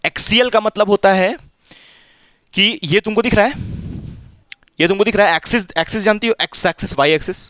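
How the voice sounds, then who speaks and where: A man's voice: sits high, brisk, long pauses, a bit bright, no echo, clean studio sound. A man tutoring physics in a small room, repeating himself as he coaxes and mildly scolds his students. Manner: repetitive, coaxing, mildly scolding. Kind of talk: classroom teaching.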